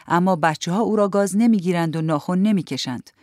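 Measured reader of a literary story. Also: mid-range voice, no room sound, clean studio sound. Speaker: audiobook narrator.

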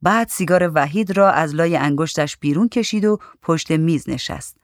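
A narrator reading a short story aloud in a calm, even literary manner. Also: mid-range voice, no echo, clean studio sound.

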